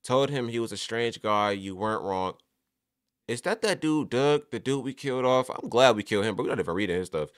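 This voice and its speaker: A man's voice: mid-range voice, lively intonation, fairly quick, smooth, no echo, studio quality. A young man giving emotional, slang-filled commentary over a story game as a gaming streamer. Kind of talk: casual gameplay commentary.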